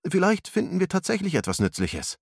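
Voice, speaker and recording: A man's voice: sits high, wildly swooping pitch, a little fast, creaky, slightly rough, no echo, studio quality, voice pushed up, full character voice. A man voicing a young man who questions doubtfully but stays cheerful.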